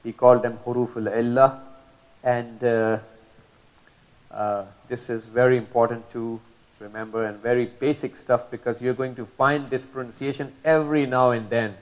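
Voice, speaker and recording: A man's voice: medium pitch, flat delivery, normal speed, muffled recording. A man teaching Arabic pronunciation in a religious lesson, patiently repeating model sounds with many fillers.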